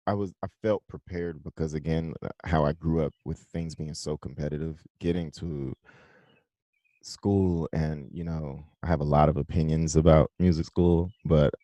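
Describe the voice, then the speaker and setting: A young man from South Carolina, a musician guest talking through his past in a loose, relaxed way and laughing often. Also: a bass voice, no echo. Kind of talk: casual interview conversation.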